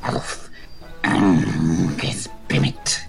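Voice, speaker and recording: A menacing, sullen dragon acted by a man in a tabletop game. It speaks very slowly, in short clipped phrases with a low, creaky edge. Soft music plays behind it. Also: fairly even intonation, heavily acted. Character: surly, menacing dragon who speaks of itself in third person.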